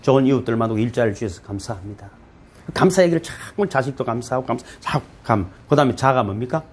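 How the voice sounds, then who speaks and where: A middle-aged pastor with a Gyeongsang Korean accent delivers a sermon at a rapid clip. His voice is husky, and his pitch swings widely as he preaches. He talks in a folksy, playful way and often turns to address his listeners directly. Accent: Gyeongsang Korean dialect. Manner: lively, folksy preaching with playful asides to the congregation.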